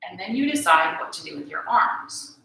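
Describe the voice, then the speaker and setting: A woman yoga instructor guiding a class through poses, giving calm, encouraging cues and often checking in with "right?". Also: lowish voice, moderate pace, gravelly, noisy background. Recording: very echoey room.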